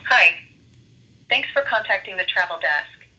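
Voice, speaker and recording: A woman's voice: mid-range voice, lively intonation, a little slow, pushed and bright, soft background music. A woman's voice as an automated phone assistant, reading polite menu prompts over a phone call. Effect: heard over a phone call. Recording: tinny phone line, picked up from a distance.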